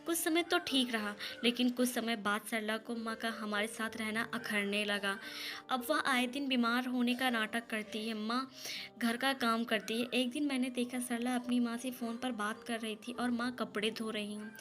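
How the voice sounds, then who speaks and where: A woman's voice: on the high side, fairly even intonation, normal speed, a bit bright, soft background music, natural voice. A woman reading as an anguished, earnest husband. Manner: earnest, heavy-hearted pleading. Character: grieving husband, torn between mother and wife.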